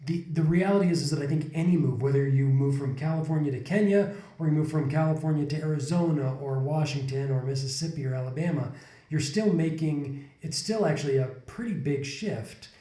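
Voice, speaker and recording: A man in his forties co-hosts a podcast, chatting casually and reflectively while rambling, circling back and often restarting his sentences. His fairly high-pitched, brisk voice sounds mellow and slightly dark. He sits on a couch in an indoor room, where a desk condenser mic placed in front of the couple picks up a noticeable roomy echo.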